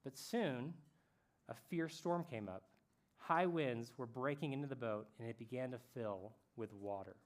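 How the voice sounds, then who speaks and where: A man speaking as a camp speaker, telling a story in a casual, slangy way that swings between loud bursts and hushed moments. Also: medium pitch, unhurried. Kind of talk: youth camp talk.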